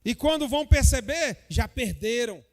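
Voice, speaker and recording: A man's voice: extremely high pitch, expressive, normal speed, long reverb tail. A man teaching a church Bible lesson, talking straight to the congregation with joking asides and frequent tag questions. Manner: addresses the congregation directly. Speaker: Sunday school teacher.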